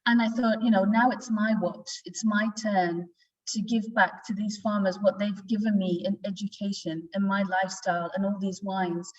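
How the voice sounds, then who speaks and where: Her voice is medium in pitch, with fairly even intonation and a moderate pace. She's a Northern English woman in her forties, a wine exporter guest-presenting an informal virtual tasting from an indoor office tasting room. Speaking away from the mic on a video call, she tells her story casually, and the audio comes through distant, dull and lo-fi.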